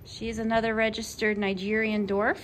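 Filmed on a handheld phone, this casual narration follows a farm owner leading a tour outside and inside a barn on her small farm. Her medium-pitched voice stays fairly level, and there's a bit of background noise. She's easygoing and warm, presenting each animal in turn without rushing.

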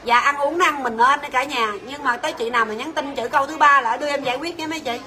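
Bright, high-voiced saleswoman. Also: fast talker. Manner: chatty, bossy and teasing, calls out prices and staff names. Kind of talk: livestream sales pitch.

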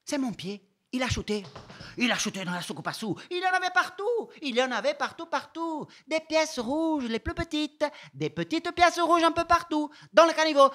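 A man's voice: extremely high pitch, fairly bright tone, heavily acted. An actor playing a sulky seven-year-old girl who keeps insisting she did nothing wrong, in a whiny, repetitive stage monologue. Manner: whiny, defensive, repeats herself. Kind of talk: stage monologue performed live.

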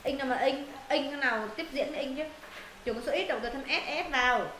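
A woman teaching an English lesson to her students, walking them through answers and firing quick questions to check they follow. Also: high-pitched, fairly bright tone. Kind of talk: classroom lesson explaining answers. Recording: roomy echo, faint noise.

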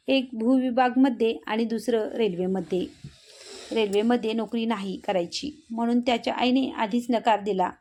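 Woman reading a story out loud, kinda high but soft mellow tone, calm and steady. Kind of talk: reading a Marathi story aloud.

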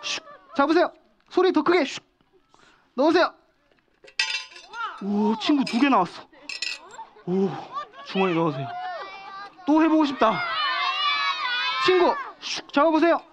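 A man's voice: very high-pitched, unhurried, pauses often, highs cut off, noisy background. A young man hosting an outdoor magic show like a kids' party magician, coaxing children with simple instructions over a headset mic, with music behind. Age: young adult. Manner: animated, coaxing, often calling out loudly to the crowd. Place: outdoor park performance before seated children.

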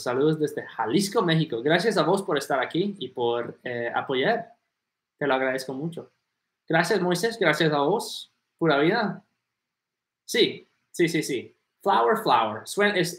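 A man teaches English on a livestream, running a live Q&A where he reads viewer comments, greets people by name and switches between Spanish and English. His voice is fairly high-pitched and a bit bright, and the room sounds echoey.

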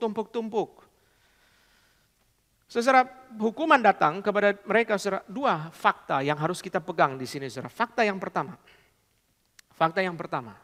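A male pastor preaching a sermon, swinging from quiet murmurs to loud exclamations as he addresses the congregation. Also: fairly high pitch. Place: church hall. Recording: long church reverb.

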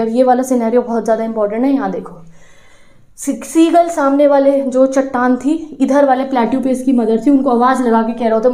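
A woman teacher retelling a story to her students in a lively way, asking them questions as she goes. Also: high voice, roomy sound. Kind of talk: storytelling lesson explanation.

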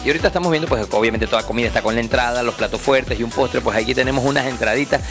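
A young man hosting an entertainment show on location in a restaurant, interviewing with a handheld mic in an upbeat, energetic way. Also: medium pitch, racing, music in the background. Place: indoor restaurant, seated at a table.

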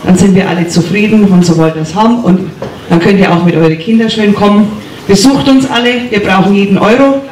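A man's voice: high voice, brisk, a little mellow, slight background noise. A man giving an informal speech that invites visitors. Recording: echoey hall, distant microphone.

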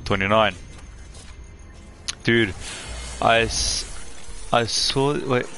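Young man, live-stream commentary, bright tense voice, headset mic. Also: mid-range voice, drawn-out words, soft background music. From Australia. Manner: excitable, chatty, reacts loudly to loot.

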